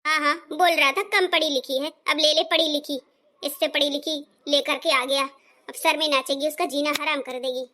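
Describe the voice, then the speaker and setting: A woman's voice: high voice, fairly even intonation, normal speed, bright, forceful tone. A woman playing a changeable mother-in-law in a comedy skit. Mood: decisive.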